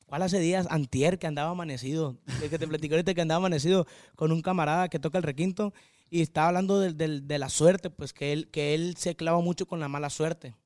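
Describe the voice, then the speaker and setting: A young man with a thick Sinaloan accent rambles energetically as a podcast guest, his voice sitting fairly high. The sound is dry and close, with no room around it. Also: no echo. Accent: northwestern Mexican, Sinaloa. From Mazatlán, Mexico. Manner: energetic, hyperactive, rapid rambling talk. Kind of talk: casual chat.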